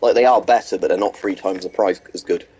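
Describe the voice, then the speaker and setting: Low-voiced and quick, this male streamer sounds mellow with a breathy edge as he plays a video game and talks loosely with his audience. He wanders between answering chat and commenting on gameplay, often stalling with ums and starting over, and he has a mild sore throat and a stuffy nose.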